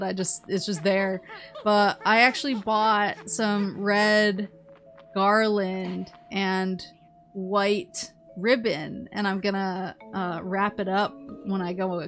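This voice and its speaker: A woman's voice: medium pitch, a bit bright. A woman chatting casually and in a rambling, giggly way while she streams a video game. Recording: music playing behind the voice.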